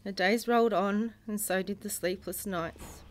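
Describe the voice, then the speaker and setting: A middle-aged woman, a bereaved mother reading a prepared personal statement in a solemn, measured way, in grief. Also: mid-range voice, steady tone, slight background noise. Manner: solemn, measured delivery in short phrases. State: grieving.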